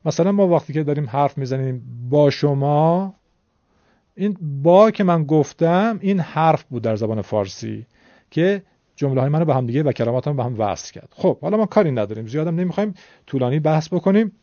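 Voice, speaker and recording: Male teacher, patient and polite lesson delivery, slightly raised pitch, lo-fi recording. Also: animated, mellow, dry recording. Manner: patient, addresses viewers politely. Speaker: Quran recitation teacher. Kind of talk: explanatory lesson.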